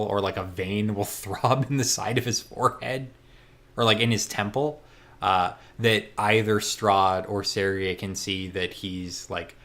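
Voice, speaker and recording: A man's voice: fairly low pitch, fairly bright tone. Man chatting casually through a tabletop game. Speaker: role-playing game host and player of characters.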